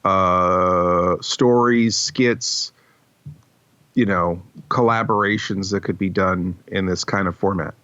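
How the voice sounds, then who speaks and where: In a deep, sharp-toned voice with fairly even intonation, a man hosting a podcast slowly talks through a script behind the scenes, tossing in wry jokes at his own expense. The close, dry recording is slightly dull and has no echo.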